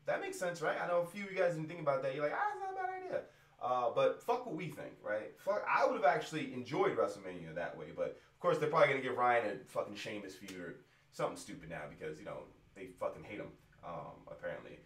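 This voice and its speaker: A man's voice: medium pitch, very animated, fast, a bit bright, recorded from a distance. A young man going on a profane, exasperated rant about wrestling in a casual vlog. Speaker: rapper venting about wrestling. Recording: roomy echo, away from the mic.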